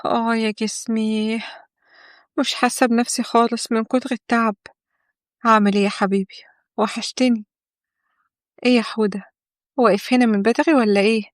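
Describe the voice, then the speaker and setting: A woman's voice: mid-range voice, steady tone, quick pace, pauses often, no echo, clean studio sound, lightly acted. A woman voicing a hurt Egyptian young wife. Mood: weary. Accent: Egyptian Arabic.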